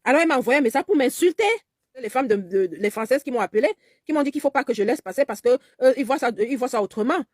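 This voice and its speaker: A woman with a fairly high voice vents her anger in a personal monologue. She is insistent and repeats her phrases, sometimes mimicking someone else's pleading tone. The sound is dry and close. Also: expressive, fast talker, darkish tone, no room sound. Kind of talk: angry personal video monologue.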